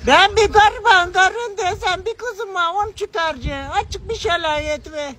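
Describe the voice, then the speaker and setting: Young man doing a very high-pitched village granny. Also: moderate pace, pushed and bright. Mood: pleading haggling. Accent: Denizli, Turkey. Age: young adult. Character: elderly village grandmother haggling over wedding musicians. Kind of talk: comic prank phone call impression. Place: outdoors under a shade canopy. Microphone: phone camera at arm's length.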